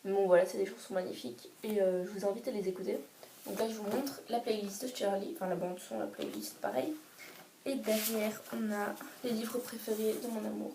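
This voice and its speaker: A woman's voice: medium pitch, steady tone, fairly quick. A woman chatting casually about a favourite book, hesitant and full of restarts. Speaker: book vlogger. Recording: roomy echo, distant mic, faint hiss.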